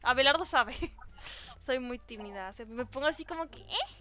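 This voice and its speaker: Bright, high-voiced young Argentine woman from Santiago del Estero. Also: lively intonation, moderate pace. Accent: Santiago del Estero Argentine Spanish. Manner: chatty, giggly, reads questions aloud. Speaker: gaming YouTuber answering fan questions. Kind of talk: casual Q&A chat.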